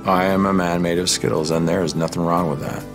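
An actor playing a man made of candy, speaking in a slow, deadpan, contented way in a scripted commercial monologue. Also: low-pitched, music in the background, close to an everyday voice.

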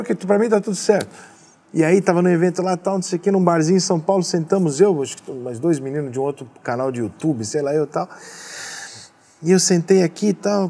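A man hosting an interview, telling stories in an animated, profane way. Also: sits high, slightly rough. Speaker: interview host. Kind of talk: casual interview talk.

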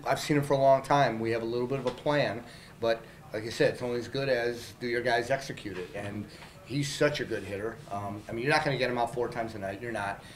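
A middle-aged man talks through a post-game press interview, loose and candid, with plenty of fillers and false starts. His voice sits at an ordinary middle pitch. Reporters' handheld mics are close to him in a small room with a faint hum underneath. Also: steady tone, quick pace, rough recording. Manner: candid, conversational, many fillers and restarts. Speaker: baseball team manager. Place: small press room in front of a logo backdrop. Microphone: several handheld reporter mics held up close.

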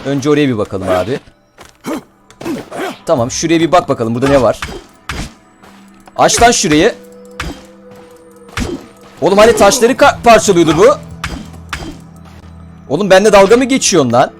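A young man giving casual gameplay commentary as a channel host, excitable, swearing and shouting when frustrated. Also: a little high, normal speed, long pauses, faint music behind.

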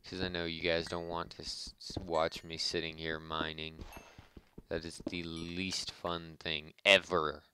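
A man's voice: low voice, level tone, unhurried, background noise. A man giving casual, rambling gameplay commentary with a harsh voice, joking and chatting with his viewers. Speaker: let's play host.

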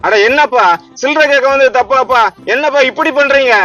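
A man's voice: very high voice, a little fast, dull audio, music in the background. A man playing a whiny, pleading passer-by. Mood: exasperated. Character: fussy man pestering two friends for change.

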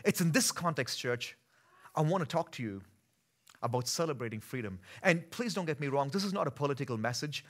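Speaking fairly briskly in a slightly high, animated voice, this Indian pastor in his thirties delivers a sermon on a church stage. His Indian-accented preaching swings from easygoing chat to emphatic force.

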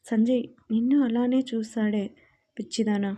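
A woman's voice: on the high side, steady tone, normal speed, warm tone, natural voice. A woman voicing an earnest young woman who pleads her case in a storybook reading. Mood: insistent.

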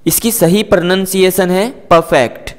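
A man's voice: a little high, drawn-out words, clear, resonant tone, long reverb tail. A man teaching English words with their meanings, saying each word and its meaning twice and explaining pronunciation to students. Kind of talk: vocabulary lesson.

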